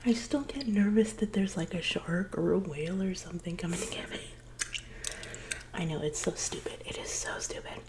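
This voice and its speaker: A woman doing a whispered role-play as one side of a casual, rambling chat, speaking in a soft, conspiratorial library-style whisper with some low murmured words. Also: normal speed.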